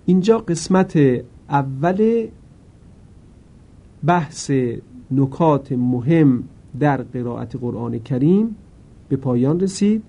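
Man, Quran reading lesson, careful slow explanation, warm mellow tone. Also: lively intonation, creaky, breathy edge, highs cut off. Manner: chants the words slowly, louder and higher. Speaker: Quran recitation teacher.

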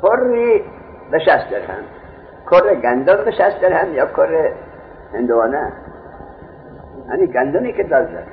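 A man's voice: on the high side, sing-song, long pauses. A man teaching a grammar class, explaining with everyday market examples and answering his own questions. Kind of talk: classroom lecture on Arabic grammar. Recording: tinny phone-like lo-fi recording, faint hiss.

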